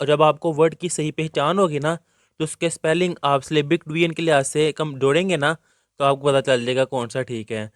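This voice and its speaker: Male teacher, fairly high voice, smooth and clear, close dry mic. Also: dry recording. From Pakistan. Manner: explains step by step, reads questions out slowly in English. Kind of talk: exam guide lesson.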